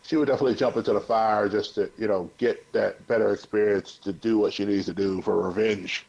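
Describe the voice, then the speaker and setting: Laid-back lower-voiced man, muffled audio. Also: fairly even intonation, fairly quick, vocal fry, darkish tone. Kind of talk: casual podcast chat.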